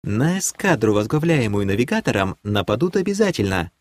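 A man voicing a haughty, scheming noblewoman who leads a clan in an audiobook; he raises his voice to play her, and she talks in a sweetly condescending way that turns sharp. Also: lowish voice, big pitch swings, brisk, dry recording. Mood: lecturing. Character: haughty scheming female baroness, clan leader.

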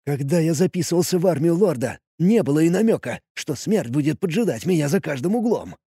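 A man's voice: high-pitched, animated, a little fast, mellow, no echo, clean studio sound, pitched above the performer's own voice. Man voicing a whiny young goblin recruit. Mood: fretful. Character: young timid male goblin soldier, naive and curious.

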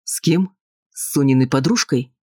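A man's voice: mid-range voice, normal speed, mellow, slightly rough, dry recording, studio quality, natural voice. A man reading an audiobook, voicing a cold, condescending husband. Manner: cool, patronizing, dismissive.

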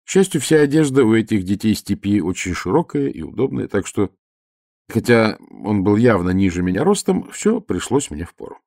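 Male narrator, first-person audiobook, lowish voice, lively storytelling, dry close sound. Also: moderate pace, dry recording.

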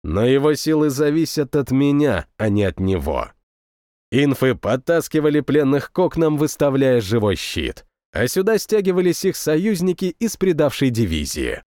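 A man narrating a first-person war novel in a measured, expressive reading, recorded close on a studio mic. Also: mid-range voice, no echo. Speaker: audiobook narrator.

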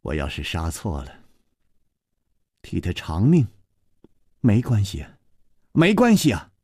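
A man's voice: on the low side, big pitch swings, moderate pace, a little mellow, no echo, studio quality. A man voicing a sneering palace disciple. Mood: shrill fury.

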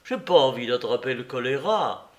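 A man's voice: medium pitch, animated, moderate pace, muffled recording, close to an everyday voice. A man reading an audiobook, voicing an insolent young male clerk who taunts and mocks. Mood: taunting. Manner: cheeky, taunting. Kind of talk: audiobook character voice.

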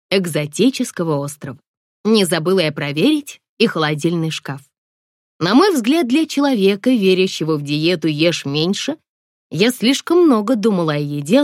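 A woman narrating a first-person audiobook in a wry, expressive storytelling manner. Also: lowish voice, no echo, studio quality.

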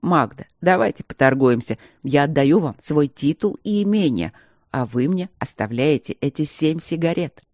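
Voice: mid-range voice, animated, a little mellow, no echo, studio quality, close to an everyday voice. A narrator voicing a capricious, ironic young aristocrat patient in an audiobook. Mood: wheedling. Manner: slow, wheedling, ironic. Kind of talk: audiobook character reading.

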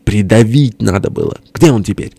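A man voicing a gruff, hoarse older father-in-law in an audiobook, barking orders impatiently. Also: fairly low pitch, lively intonation, normal speed, dark tone, dry recording, heavily acted. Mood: scolding. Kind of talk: audiobook character voice.

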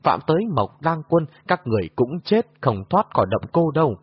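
A man voicing a cruel female owl-demon queen in an audiobook, shrill and threatening, recorded in a muffled lo-fi way. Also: expressive, fairly quick, husky, no echo. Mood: shrill threat.

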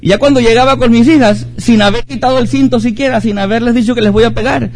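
A man's voice: very high voice, fairly even intonation, fast talker, a little mellow. A middle-aged man preaching as a pastor, earnest, with rhetorical questions and repetition. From Mexico. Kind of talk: sermon.

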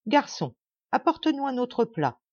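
A woman's voice: mid-range voice, very animated, moderate pace, darkish tone, husky, no echo, lo-fi sound. A woman doing a pompous, lavish old lord. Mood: grand, coaxing. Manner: grand, insistent, coaxing.

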